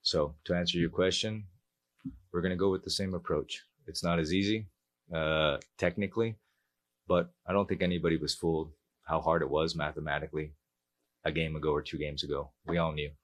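A man in his forties, a football coach speaking at a post-match press conference into a table mic, measured and reflective with many fillers. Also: rumbling low, fairly even intonation. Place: press room.

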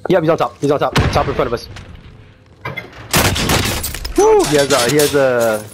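A man's voice: mid-range voice, fairly even intonation, fast talker. A man chatting casually and slangily with a teammate as he plays a shooter game. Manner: slangy, bro-ish talk. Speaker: gamer. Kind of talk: casual chat while gaming. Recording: loud game noise behind voice. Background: shooter game gunfire and vehicles.

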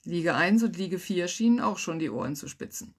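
A woman reads aloud from her own crime novel, narrating in the first person. Her delivery is wry and lively, with dry asides. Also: lowish voice, normal speed, breathy edge. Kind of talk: online reading of a crime novel.

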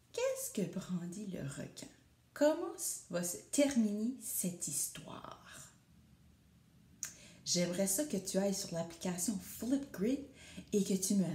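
A woman's voice: medium pitch, darkish tone. A woman teacher reading a storybook aloud to children and asking them questions as she goes. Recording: echoey room.

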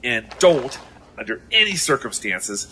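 A gruff police captain in a radio drama. He is curt and sarcastic, with a tense, forceful voice that swings in pitch. There is faint noise and clicking behind him. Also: sing-song, measured pace. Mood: exasperated, threatening. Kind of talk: audio drama acting.

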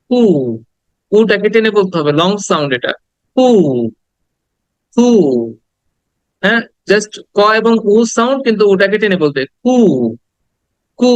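High, clear-voiced man teaching pronunciation. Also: dry recording, rough recording. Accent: Bangladeshi. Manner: repeats words slowly and drawn out, mixing in English phrases. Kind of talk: pronunciation lesson.

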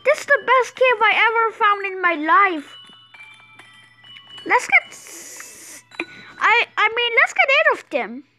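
Woman host, gameplay commentary, very high and bright voice, unhurried delivery, excitable and exclamatory. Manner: excitable, exclaims often, restarts sentences.

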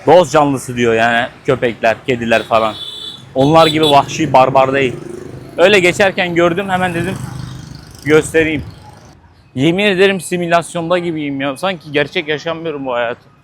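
On a busy street, a travel vlogger addresses his viewers head-on, swearing and exclaiming in shock. His voice is fairly high and his speed normal, and faint street sounds can be heard in the background.

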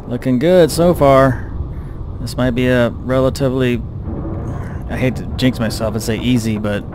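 A man's voice: medium pitch, moderate pace. Man muttering through a game, noisy background. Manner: muttering to himself, thinking aloud. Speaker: gamer commentating his own submarine game. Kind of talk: casual gameplay commentary. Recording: steady engine-like game ambience behind voice. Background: submarine game sound effects and ambience.

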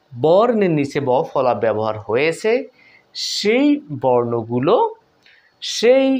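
A man teaching Bengali pronunciation to video viewers, patiently repeating example words slowly and addressing his audience as friends. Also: fairly high pitch. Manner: emphatic, drawn-out example words.

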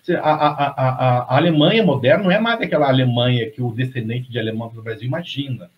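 A man's voice: mid-range voice, fast. A middle-aged Brazilian man, a novelist, talking on a video call in a rambling way, full of restarts and tag questions. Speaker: guest novelist. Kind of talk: casual discussion on video call. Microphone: webcam on video call. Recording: slightly dull lo-fi sound.

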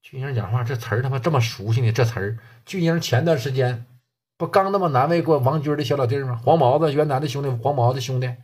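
A man's voice: mid-range voice, fast talker, a little mellow, slightly rough. A man telling a gangland story in a colloquial, earthy and crude way. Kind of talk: oral storytelling.

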